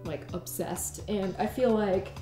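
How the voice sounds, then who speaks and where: She has a mid-range, dark-toned voice and speaks without hurry. A young fashion blogger from Munich, Germany, she chats enthusiastically about her clothes in a casual interview, showing off her wardrobe and saying "like" and "you know" a lot. The room is echoey, with music playing behind her.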